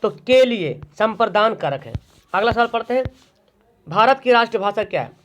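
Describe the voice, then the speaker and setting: A man's voice: sits high, animated, normal speed, fairly bright tone. A man teaching an online exam-prep grammar lesson, asking questions and answering them himself. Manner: drills by asking and answering his own questions. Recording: dull lo-fi recording.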